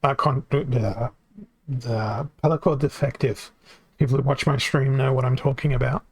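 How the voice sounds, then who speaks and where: A male game streamer with a gravelly, fry-laden voice, worn from hours of talking. He thinks aloud at his desk microphone, wandering off and correcting himself. The sound is dry and close, with no room around it. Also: medium pitch, level tone, fairly quick, no room sound. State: voice getting worn from long talking. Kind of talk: casual game stream commentary.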